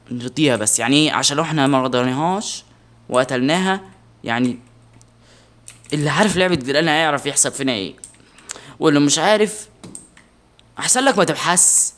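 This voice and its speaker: An excitable young man with an Egyptian Arabic accent, giving let's-play commentary on a horror game, yelping in alarm and muttering to himself. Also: on the high side. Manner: excitable, shouts in alarm, mutters under breath. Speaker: gaming channel host.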